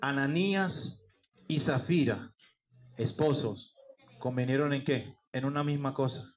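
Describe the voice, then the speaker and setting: Faint music plays behind a Peruvian pastor whose unhurried voice sits at medium pitch. His sermon features rhetorical questions he answers himself, along with acted-out quoted voices.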